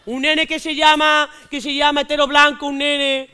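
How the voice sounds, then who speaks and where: A woman playing a cocky young Andalusian man from Jaén who heckles loudly from the audience, calling out to the teacher. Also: high-pitched, flat delivery, normal speed. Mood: indignant. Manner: brash, indignant, keeps calling out "maestra". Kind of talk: stand-up character sketch on stage.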